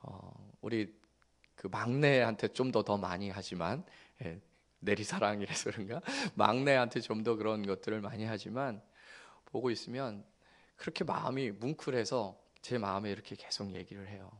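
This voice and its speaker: A male pastor in his forties preaching a Sunday sermon, telling family stories with hushed tender passages and bursts of laughter. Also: fairly low pitch, normal speed. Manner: storytelling, shifting from hushed tenderness to excited laughter.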